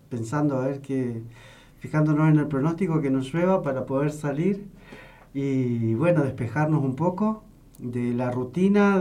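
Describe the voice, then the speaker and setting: A man with an Argentine accent hosting an afternoon radio show, chatting casually with co-hosts and reading out phone numbers. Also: fairly high pitch. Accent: Argentine Spanish. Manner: relaxed, chatty, some restarts. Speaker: radio host. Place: radio studio.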